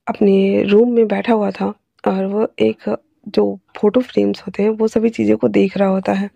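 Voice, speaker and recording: Woman storyteller, husky and gravelly, casual chatty reading, close dry mic. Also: mid-range voice, mellow, dry recording. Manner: casual, chatty narration with fillers. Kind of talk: reading her own fanfiction aloud.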